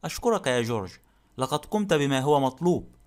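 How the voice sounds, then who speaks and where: A man voicing a polite, fastidious male detective who speaks calmly and courteously in an audiobook. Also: medium pitch, natural voice. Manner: calm, courteous and measured. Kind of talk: audiobook character reading.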